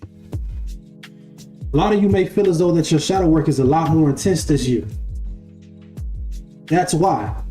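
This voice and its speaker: Unhurried and pausing often, a young man in his 20s delivers a casual spiritual monologue on a live stream. His fairly high voice is mellow, he tends to repeat phrases and ask "right?", and the echoey room has faint music in the background.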